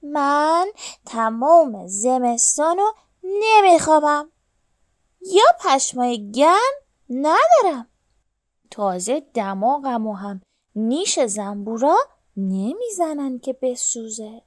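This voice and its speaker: A woman voicing a cheerful, bossy duck in a children's storybook, talking loudly in a sing-song, instructing way. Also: high-pitched, big pitch swings, no echo, clean studio sound, pitched above the performer's own voice.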